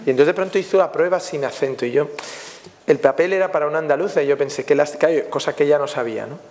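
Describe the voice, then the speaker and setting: Fast and a bit high, with a darkish tone, a man from Spain answers press questions about his films at a festival. He reflects through anecdotes, frequently ending remarks with tag questions, while long reverb fills the hall.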